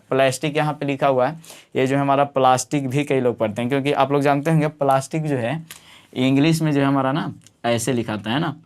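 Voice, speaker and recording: A man teaching a school science class in a casual, rambling way, full of fillers and checking-in tag questions. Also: medium pitch.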